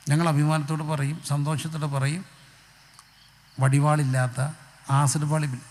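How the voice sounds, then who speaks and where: A Malayali man preaches a lively gospel sermon to an open-air crowd and keeps asking them questions. His voice is gravelly and sits a little high. It rings out with a long, echoing tail from the loudspeakers. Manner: animated, asks the crowd questions. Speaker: pastor. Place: outdoor street gathering.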